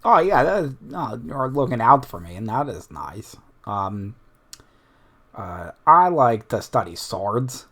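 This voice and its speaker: A man's voice: medium pitch, sing-song, takes it slowly, a bit bright, full character voice. A man playing an airy, eager, dim young woman bard in improvised tabletop role-play, breezily agreeing as talk goes. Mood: agreeable, naive. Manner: begins replies with a breezy "oh yeah". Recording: clear background noise, room ambience.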